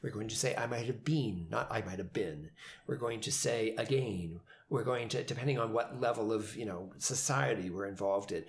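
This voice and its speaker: Chatty man, rambling and thoughtful. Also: lowish voice. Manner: thoughtful, rambling with many fillers and restarts. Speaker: community theater director. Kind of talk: casual podcast chat. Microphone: headphones and studio mic.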